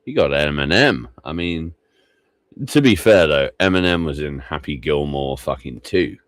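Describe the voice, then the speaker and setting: A man's voice: rumbling low, lively intonation, moderate pace, no room sound. A tired man rambling and swearing casually as he streams live reaction commentary. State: tired, low energy.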